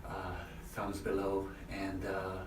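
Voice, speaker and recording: A man speaking haltingly in short phrases, giving a casual, unscripted instructional vlog from a bathroom. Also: deep voice, completely flat delivery. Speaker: vlogger demonstrating an ice bath. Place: indoors in a bathroom by or in a bathtub. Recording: echoey bathroom, distant mic, faint noise.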